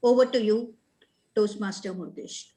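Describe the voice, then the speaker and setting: A woman's voice: mid-range voice, mellow, low-quality recording. A woman explaining a meeting's timing rules over a video call, plainly and with some hesitation. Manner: plain and halting, many fillers. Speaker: meeting timer.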